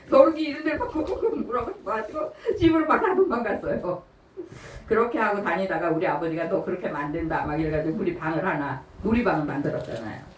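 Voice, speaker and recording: An older woman, somewhat high-voiced, preaches in a chatty storytelling way. She stays conversational, tosses questions to the congregation, and laughs easily. The sound is roomy and echoey, with her voice a bit distant and faint noise behind it. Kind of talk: sermon with personal stories. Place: church sanctuary. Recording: echoey church hall, mic far off, faint noise.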